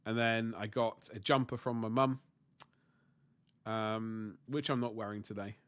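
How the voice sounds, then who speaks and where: Sick with flu, his nose blocked and throat sore, a livestreamer paints miniatures and replies casually to viewer comments. His voice sits fairly low, smooth and fairly bright, with a steady, unhurried tone. He wanders off topic, self-corrects, and lets out the odd mild swear.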